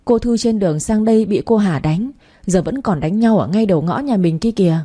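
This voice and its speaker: A woman's voice: mid-range voice, animated, brisk, warm tone, husky. A woman voicing an alarmed village man bringing urgent news.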